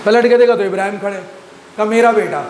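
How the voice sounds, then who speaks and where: High-voiced man preaching in an echoey hall. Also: steady tone, a little mellow, slight background noise. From Pakistan. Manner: rhetorical, asks the audience questions. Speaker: Shia majlis speaker. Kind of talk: Muharram majlis sermon. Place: large imambargah hall. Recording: echoey hall recording, faint room ambience.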